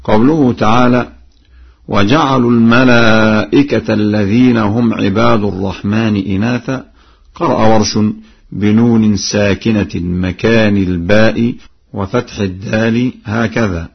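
A man teaching the readings of the Quran, explaining each variant plainly and then chanting the verse slowly to demonstrate it. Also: on the low side, fairly even intonation, creaky, breathy edge, highs cut off. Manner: alternates plain explanation with slow chanted recitation.

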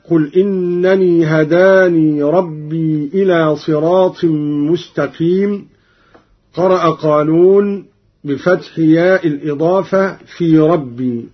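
Husky man teaching recitation, lo-fi. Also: a little high. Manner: measured, deliberate, drawn-out recitation of examples. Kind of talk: instructional explanation with slow recited examples. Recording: dull lo-fi recording.

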